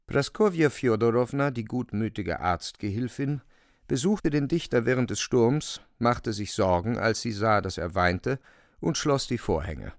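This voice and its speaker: Close to the microphone, a man narrates a literary radio play, telling it in a deliberate, expressive storytelling style. His voice sits at a medium pitch, and there is no echo.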